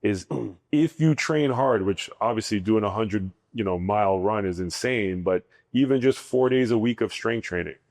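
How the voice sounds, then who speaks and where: A low-voiced man hosting a podcast in a casual interview. He speaks in an encouraging way and restates his guest's points for listeners. The sound is dry and close, with no room reverb. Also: normal speed, a little mellow. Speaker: podcast host.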